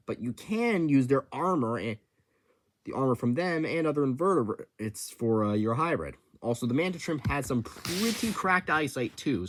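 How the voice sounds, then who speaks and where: A young man casually explaining contest rules, stammering often with many restarts and fillers. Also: medium pitch. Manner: impulsive, enthusiastic. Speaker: channel host announcing a creature-design contest. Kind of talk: casual unscripted rules rundown.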